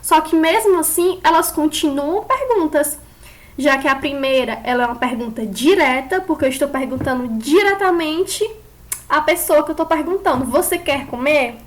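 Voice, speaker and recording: Teacher lady, really high voice, walks the kids through it step by step and keeps asking them questions. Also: moderate pace. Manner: explains step by step, asks the class questions. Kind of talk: online class lecture.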